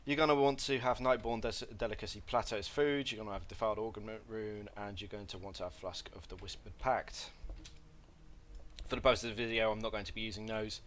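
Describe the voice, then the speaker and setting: Here a man with a lowish, fairly bright voice walks through gameplay in a loose tutorial, talking a little fast with fairly even intonation. He keeps backtracking and filling gaps with filler words, and he coughs slightly from an irritated throat. There's a touch of hiss or hum in the background.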